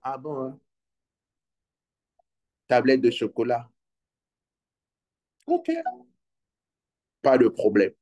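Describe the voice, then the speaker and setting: A man preaching a sermon to a congregation, acting out dialogue and breaking into sudden loud cries. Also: mid-range voice, extremely slow, pauses often. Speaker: pastor.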